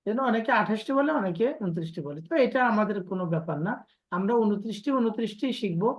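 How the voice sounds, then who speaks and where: A Quran recitation teacher runs an online lesson on letters and pronunciation, speaking fast in a mid-range voice with lively intonation. She explains patiently and drills her students through repetition.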